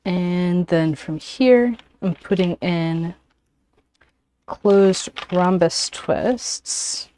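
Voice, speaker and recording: A woman hosting a casual livestream, chatting with pauses as she works and sounding a little out of breath. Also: lowish voice, dark tone. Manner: unhurried, talks while working with frequent pauses. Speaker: origami livestream host. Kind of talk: casual livestream chat while folding.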